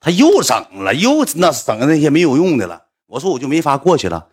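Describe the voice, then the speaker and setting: A man with a Northeastern Mandarin accent telling a story in casual chat, animated and acting out the voices of the people in it. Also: on the high side, a little fast, breathy edge. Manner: animated, acts out quoted voices.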